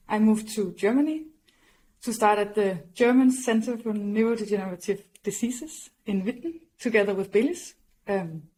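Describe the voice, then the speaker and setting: A woman's voice: mid-range voice, darkish tone, poor audio. Friendly woman from Denmark. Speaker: guest researcher.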